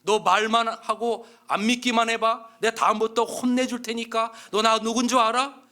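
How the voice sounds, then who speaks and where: A rough, bullying death-row convict scolds his cellmates in a loud, bossy bark, acted by a male preacher. The voice sits high and bright, with a sharp, forceful edge to every order. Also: fairly quick. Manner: rough, scolding, shouting commands.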